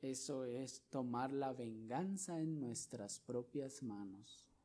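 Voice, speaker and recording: A man preaching a sermon, putting rhetorical question after question to the congregation and swinging from loud stressed lines to quiet, low ones. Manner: slow, deliberate delivery. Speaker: pastor.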